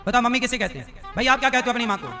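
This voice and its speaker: A preacher gives a live devotional discourse at a religious gathering, teasing his audience and quizzing them directly with questions. His voice is very high and very fast, heard over music.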